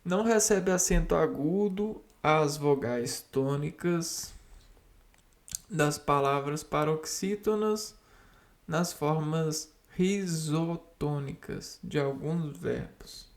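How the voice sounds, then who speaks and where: A man slowly reading spelling rules aloud and explaining them to himself, halting and repeating words as he goes. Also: on the high side.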